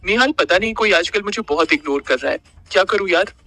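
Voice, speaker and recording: Neel, a playful and nervous young man, voiced by a man reading. Light, teasing delivery with a bright voice. Audio storybook. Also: sits high, expressive, quick pace, no echo, full character voice.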